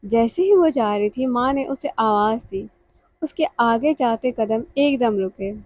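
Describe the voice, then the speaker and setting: A woman reads a romantic novel aloud in a measured, emotional way. Her voice is fairly high yet mellow and dark. The recording is close and dry. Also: lively intonation, no room sound, low-quality recording. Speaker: narrator. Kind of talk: scripted audiobook narration.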